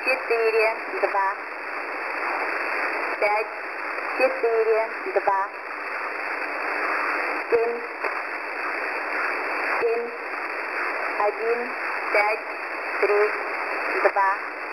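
A synthetic-sounding voice reciting single words in a flat numbers station monotone, each word set slowly apart in fixed repeating groups, heard over a shortwave radio broadcast. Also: mid-range voice, heavy background noise. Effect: flat numbers station monotone, mechanical recital.

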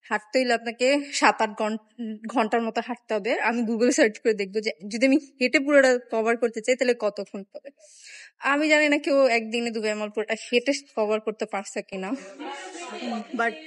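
A young woman, chatting casually and wryly as she films a travel vlog on a phone held at arm's length in a glass skywalk. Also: on the high side. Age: young adult. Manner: chatty, wry, self-mocking about being lazy. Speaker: travel vlogger. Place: indoor glass skywalk with moving walkways.

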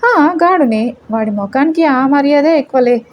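A woman's voice: sits high, expressive, moderate pace, a little hiss or hum. A woman voicing a playful, protective young man who teases his sister-like friend affectionately in an audio story. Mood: teasing. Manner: playful, joking, affectionate teasing.

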